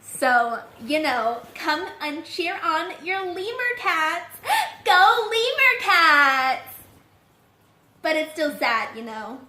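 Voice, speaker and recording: A self-important small-town cheer captain gushes through sniffles with melodramatic sorrow, as a woman acts her out. Her voice is high and her speech is slow. The sound carries a roomy echo. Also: sing-song, sharp tone, heavily acted. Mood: tearful. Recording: echoey room.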